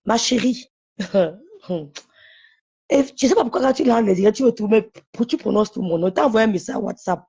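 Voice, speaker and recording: A woman's voice: medium pitch, normal speed, a little mellow, slightly rough. A woman calling into a live stream, talking in an insistent, repetitive, confrontational way. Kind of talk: heated live-stream call.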